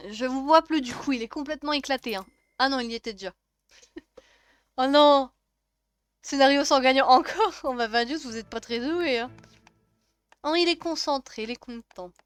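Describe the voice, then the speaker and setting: Une jeune femme streameuse commente sa partie de jeu vidéo sur un ton décontracté, bavarde, elle rit souvent et taquine les personnages. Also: female voice, high-pitched, moderate pace, pauses often, clean tone. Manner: chatty, laughs often, teasing the game characters. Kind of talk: casual let's-play commentary.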